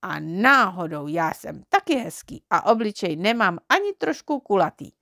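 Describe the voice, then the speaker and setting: Cheeky storybook boy, boastful, a bit gravelly, as a woman reader puts him on. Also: mid-range voice, big pitch swings, pushed and bright, no echo, clean studio sound, full character voice. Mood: cheeky, defensive. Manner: fibbing, defensive, a little cocky. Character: boastful, cheeky little boy, a know-nothing.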